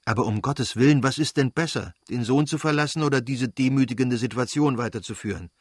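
A man's voice: mid-range voice, fairly quick, husky, dry recording, studio quality, close to an everyday voice. A man voicing a guilty young officer who speaks urgently and earnestly, read in the reader's own voice.

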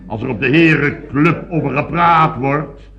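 A blustering self-important businessman, bright tone, animated, lo-fi old radio comedy recording. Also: fairly high pitch, unhurried, gravelly. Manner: blustering, exclamatory, self-mocking. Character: fussy pompous rich businessman.

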